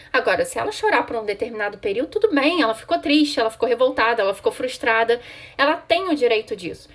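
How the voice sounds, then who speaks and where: A woman, a child psychologist giving parents conversational advice and often checking in with "tá?". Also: fairly high pitch. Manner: conversational, frequent "tá?" check-ins; answers viewer questions directly.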